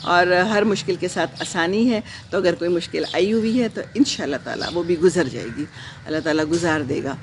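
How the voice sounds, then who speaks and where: On a relaxed garden live stream, a woman with a lowish voice reads her viewers' comments at a slow, thoughtful pace full of pauses. English phrases creep into her speech, she offers prayers and blessings freely, and there's a slight hiss or hum.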